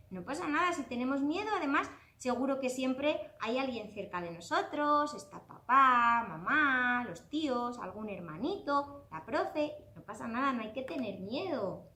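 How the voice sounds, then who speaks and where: Animated woman telling a children's story. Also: sits high, reverberant. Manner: expressive, exclaiming, addressing children directly.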